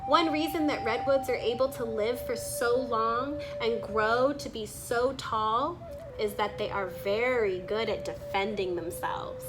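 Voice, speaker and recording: A woman's high-leaning voice carries a children's book read-aloud, interrupted by her spontaneous asides about the illustrations. Background noise is present throughout.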